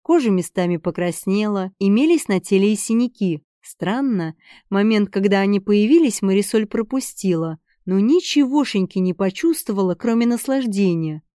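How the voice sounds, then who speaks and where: A woman narrating a novel for an audiobook in an even, measured way. Her voice is warm and mellow. The recording is dry and close, with no room sound. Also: mid-range voice, dry recording. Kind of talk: scripted narration of a romance novel.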